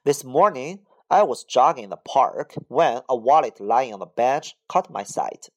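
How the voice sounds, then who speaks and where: A speaker reading a model English essay aloud in a careful, expressive way. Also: medium pitch, measured pace.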